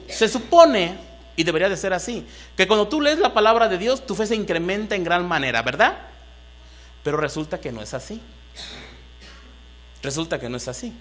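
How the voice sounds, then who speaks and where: A man's voice: high-pitched, a bit bright. A man with a Mexican Spanish accent preaching a sermon to a congregation, rising into emphatic bursts and asking the room questions. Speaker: pastor. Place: church hall.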